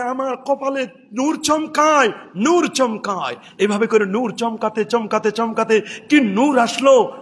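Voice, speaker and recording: Male preacher with a very high voice, telling a story softly and breaking into shouts, recorded in a reverberant hall. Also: a little hiss or hum. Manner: swings between soft storytelling and shouted exclamations. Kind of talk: Bengali waz sermon.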